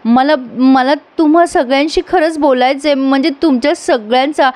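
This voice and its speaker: A woman's voice: sits high, moderate pace, a little mellow, natural voice. A woman voicing a scheming young woman who fakes weakness and pleads in a thin voice, in a voice-over retelling of a TV serial. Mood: pleading.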